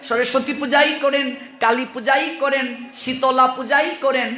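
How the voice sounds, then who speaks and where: A man's voice: very high voice, fairly even intonation, moderate pace, pushed and bright. A man giving a devotional teaching discourse, patiently spelling out each point step by step and putting questions to his listeners. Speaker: religious speaker on the Gita. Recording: roomy echo.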